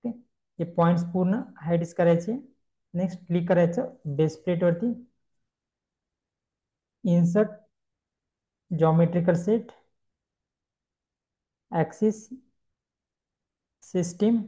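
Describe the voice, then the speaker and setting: A man giving a screen-recorded software tutorial, explaining step by step and asking himself questions he then answers. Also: high-pitched, takes it slowly, long pauses, rough recording. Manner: explains step by step, mixing English terms, repeats questions and answers them.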